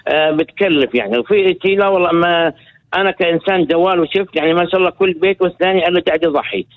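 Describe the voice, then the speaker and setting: Man, 50s, phone-in guest, very fast, rambling, tinny phone line. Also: high voice, fairly even intonation. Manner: rambling, many restarts and repeated words. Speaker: phone-in guest, retired colonel. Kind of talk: phone-in radio interview. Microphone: telephone.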